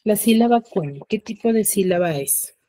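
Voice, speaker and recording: A woman teaching an online class in a dry, close sound with no room echo. She often stops to check that the students follow. She slows down and spells out each rule. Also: medium pitch, expressive, mellow. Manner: checks understanding with frequent "ya?" and "sí?"; slows down to stress key rules.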